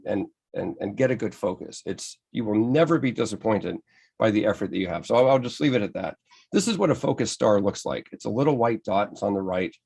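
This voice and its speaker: An American man presents a photography lecture over slides, enthusiastic and conversational. His voice sits low with gravel and a husky grain. He often stops and restarts as he explains. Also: darkish tone. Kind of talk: slide-based club lecture.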